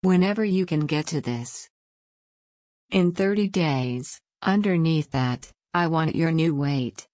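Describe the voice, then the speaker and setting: A woman's voice: low voice, a little mellow, dry recording, clean studio sound. A woman giving scripted instructions straight to the listener in a strict, commanding, condescending manner. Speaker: dominant trainer in audio recording. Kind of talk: scripted direct-address narration.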